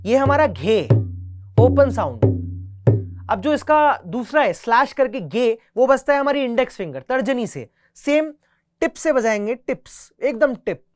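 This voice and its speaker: A man teaching a beginner tabla class, mixing Hindi with English, patiently repeating each instruction and reciting the drum syllables aloud. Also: very high voice.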